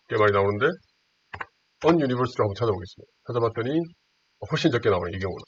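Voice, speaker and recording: A man of average pitch gives a screen-recorded lesson. He keeps checking in with rhetorical questions and repeats his points. The audio sounds dull and lo-fi, with a faint hiss underneath. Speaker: instructor.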